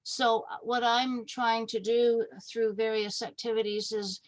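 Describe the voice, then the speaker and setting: A woman activist speaking on a call in a measured way with fillers. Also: fairly high pitch, flat delivery, low-quality recording. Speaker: activist guest.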